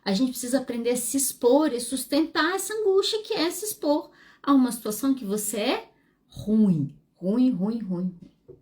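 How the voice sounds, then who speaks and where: A woman, hosting a solo podcast as a psychologist, speaking frankly and animatedly with wide swings in pitch. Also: big pitch swings, normal speed. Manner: frank and self-deprecating.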